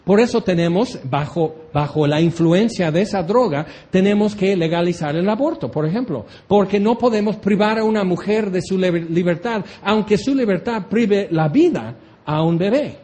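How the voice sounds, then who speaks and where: Challenging preacher, high voice. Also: male voice, lively intonation, moderate pace, darkish tone. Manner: rhetorical, challenging, ironic. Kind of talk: sermon.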